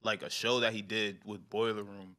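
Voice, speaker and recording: Man, twenties, rapper guest, casual slang, bright tone, low pitch. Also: little pitch movement, moderate pace. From New York. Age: 20s. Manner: laid-back, slangy, trails off quietly. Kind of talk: casual interview chat.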